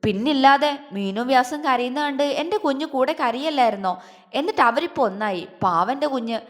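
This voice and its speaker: A woman's voice: sits high, animated, normal speed. A woman doing a tender doting husband. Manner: tender, coaxing. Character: affectionate young man, doting husband. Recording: long hall reverb.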